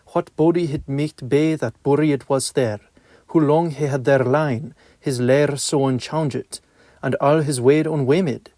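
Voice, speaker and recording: A man with a medium-pitched voice recites alliterative medieval verse. His delivery is measured and metrical, with archaic pronunciation throughout. The recording is dry, with no room sound around the voice. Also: darkish tone, dry recording. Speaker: reader of a medieval poem.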